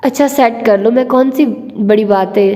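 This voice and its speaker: A woman's voice: a little high, moderate pace, mellow, lightly acted. A woman voicing an impatient, teasing young husband with a brusque, playfully sarcastic manner. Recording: long reverb.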